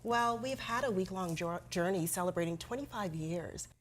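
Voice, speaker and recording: A woman's voice: lowish voice, normal speed, a little hiss or hum. A woman news anchor presenting scripted television news.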